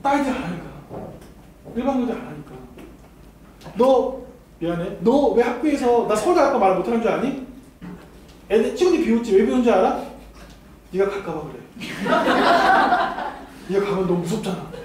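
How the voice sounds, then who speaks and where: A man's voice: high-pitched, animated, a little fast, long pauses, darkish tone. Man, admissions seminar lecturer, teasing and chatty, talks straight to students, heavy hall echo, faint background hiss. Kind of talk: university admissions seminar talk. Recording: very echoey hall, mic far off, faint noise.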